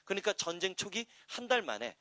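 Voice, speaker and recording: A middle-aged man teaching an English grammar class, talking fast and loosely, asking questions and answering them himself. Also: high-pitched, no room sound. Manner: lively, talkative, asks and answers his own questions. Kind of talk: classroom lecture.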